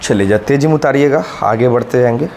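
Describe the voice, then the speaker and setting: A man's voice: medium pitch, fast talker, darkish tone, a little hiss or hum. A male maths teacher, teaching a class in a classroom and coaxing students by checking again and again whether they follow. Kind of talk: classroom lesson at a whiteboard. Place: classroom, recorded in summer heat.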